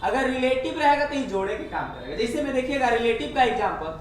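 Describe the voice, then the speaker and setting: A man teaching an English grammar lesson, explaining step by step and repeating each example slowly. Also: extremely high pitch, big pitch swings. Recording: echoey room, far from the mic, faint hiss.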